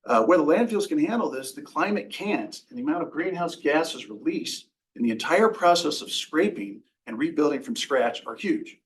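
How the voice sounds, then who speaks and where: A man's voice: on the high side, lively intonation, moderate pace, few pauses, rough recording. A middle-aged man from Denver reading prepared public comment at a hearing, earnest, with small restarts. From Denver, Colorado. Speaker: resident giving public comment.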